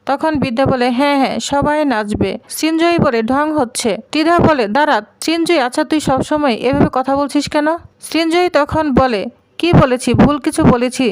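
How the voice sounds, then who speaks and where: A woman's voice: sits high, a little fast, dry recording. A woman retelling a television serial episode, reading each character's lines in her own voice. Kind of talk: storytelling recap with quoted dialogue.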